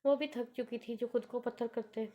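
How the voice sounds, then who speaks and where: Halting woman reading a romance novel. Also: fairly high pitch, steady tone, mellow. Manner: halting, stumbles over words. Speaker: audiobook narrator. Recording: dull lo-fi recording.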